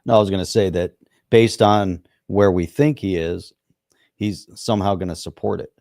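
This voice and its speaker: Podcast co-host, man, very low mellow voice, brief agreeable replies. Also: normal speed, vocal fry, no echo, clean studio sound. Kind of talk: casual chat.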